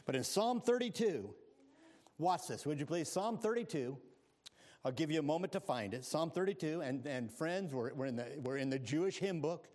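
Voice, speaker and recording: Male preacher, high and lively voice, animated sermon with call and response. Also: normal speed. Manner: animated, swings from hushed asides to loud exclamations; calls on the congregation to respond.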